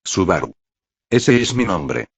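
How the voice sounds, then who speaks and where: A man's voice: low-pitched, big pitch swings, takes it slowly, creaky, breathy edge, heavily acted. A man reading the part of a beaten, worn-out young man who answers with dry irony. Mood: ironic. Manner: dry, ironic. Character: battered, sarcastic young man, exhausted.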